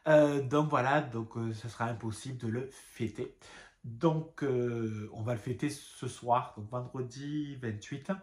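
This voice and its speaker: A man with a mid-range voice, speaking a little slowly in an echoey room, casually shows off his craft supplies in a home vlog. It's a show-and-tell ramble, chatty and full of fillers and asides.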